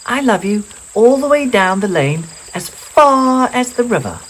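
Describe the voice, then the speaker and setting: A woman's voice: fairly high pitch, unhurried, voice pushed up, low-quality recording. A woman voicing a small young male hare for a children's storybook, eager, playful and childlike. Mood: eager, excited. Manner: excitable, childlike. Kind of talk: children's storybook read-aloud.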